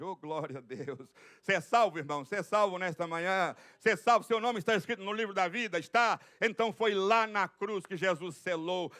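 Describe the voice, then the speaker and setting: Male pastor, high tenor, fervent sermon delivery with sudden shouts and near-whispers. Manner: swings from loud shouts to hushed murmurs, speaks in tongues. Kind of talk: Pentecostal sermon. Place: church sanctuary.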